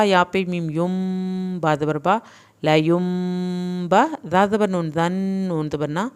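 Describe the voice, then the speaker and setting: Smooth low-voiced woman teaching. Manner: spells out syllables slowly and deliberately, then blends them; explains rules in quicker, plain teacherly asides. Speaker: Quran reading teacher. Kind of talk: recorded online lesson.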